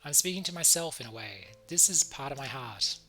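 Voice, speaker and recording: A gentle, beautiful male unicorn from a visual novel, played by a man. He speaks softly and earnestly, with halting worry in a bright, clear-cut tone. Music plays faintly behind. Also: medium pitch, animated, rough recording.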